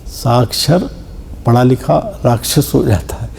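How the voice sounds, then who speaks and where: A man giving a scripture discourse in a hall, explaining slowly with examples and stressing key words. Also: mid-range voice, creaky, darkish tone, a little hiss or hum. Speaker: scripture teacher.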